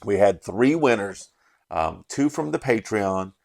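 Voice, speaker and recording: A man's voice: lowish voice, expressive, unhurried, vocal fry. A middle-aged man from Las Vegas hosting a bourbon channel, recapping an event in a rambling, heartfelt way that often restarts his sentences. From Las Vegas, USA. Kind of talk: casual vlog recap.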